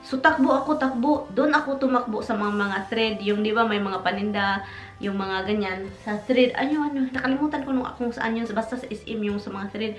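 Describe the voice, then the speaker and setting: A woman's voice: a little high, a little fast. A Filipina woman vlogger telling a personal story in a casual, emotional, rambling way, addressing viewers as "guys" over and over. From Philippines. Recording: echoey room with faint music.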